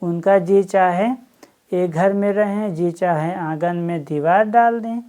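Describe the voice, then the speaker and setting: A blunt, dismissive village stepmother speaks in a low, slow, mellow voice, as a woman reads her out. She talks with curt finality. It is a plain storybook reading.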